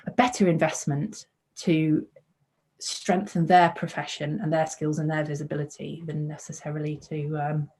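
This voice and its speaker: A woman's voice: low-pitched, little pitch movement, moderate pace, a little mellow, husky. A woman speaking over a video call, answering questions in an earnest way and repeating herself to stress her points. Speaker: conference speaker.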